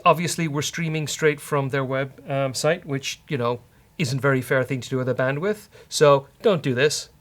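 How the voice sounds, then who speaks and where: Talking at a moderate pace in a mid-range voice, a programming instructor leads a relaxed coding walkthrough. He reasons out loud, sounding wry and somewhat hesitant.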